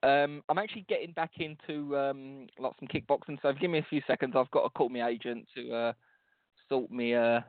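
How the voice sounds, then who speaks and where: A man talking casually and hesitantly as a prank caller, polite and deadpan as he rambles. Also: medium pitch, fairly quick, no echo, narrow, tinny audio. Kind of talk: casual improvised prank call.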